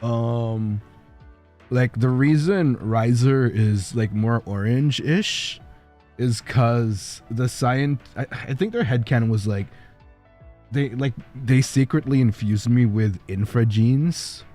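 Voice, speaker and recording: With faint music in the background, this male streamer keeps up casual livestream chat, rambling, using lots of fillers and laughing often. He speaks slowly in a mellow, medium-pitched voice.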